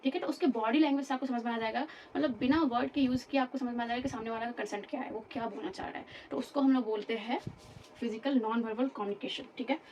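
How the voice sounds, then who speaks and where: A woman's voice: fairly high pitch, fairly even intonation, fast, darkish tone, distant mic, highs cut off, slight background noise. A woman teaching a lecture class, explaining patiently, repeating terms and checking in with her students.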